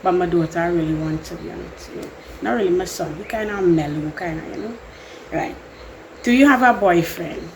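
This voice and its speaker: Her pitch is fairly low and she talks briskly, with slight background noise. This young YouTuber from Trinidad and Tobago, speaking with a Trinidadian accent, rambles chattily and laughs a lot while answering questions in a casual get-to-know-me Q&A video.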